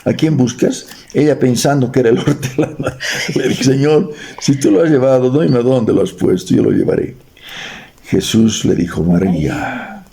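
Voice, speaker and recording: A preacher with a Bolivian Spanish accent reads verses aloud in a church, joking with the congregation and asking them questions. He talks fairly quickly in a warm, mid-range voice marked by vocal fry.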